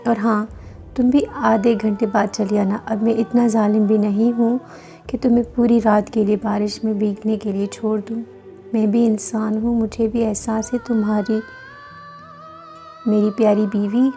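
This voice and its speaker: A woman's voice: mid-range voice, little pitch movement, mellow, soft background music, natural voice. A woman voicing a cruel young husband who taunts his wife with sweet words that carry menace. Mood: taunting. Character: cruel, mocking young husband, coldly teasing.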